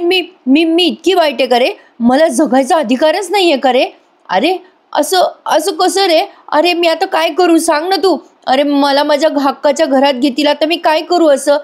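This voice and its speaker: A woman's voice: high-pitched, moderate pace, lightly acted. A woman voicing a manipulative young woman who cries and pleads, stumbling over repeated words. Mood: tearful pleading.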